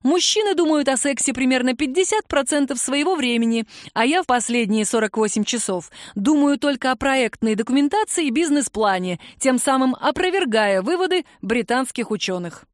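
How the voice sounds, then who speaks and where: Teasing male coworker, read by a woman; lifted pitch, dry close mic. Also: animated, moderate pace, few pauses, no room sound. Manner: teasing, mocking. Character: joking cynical young male office friend.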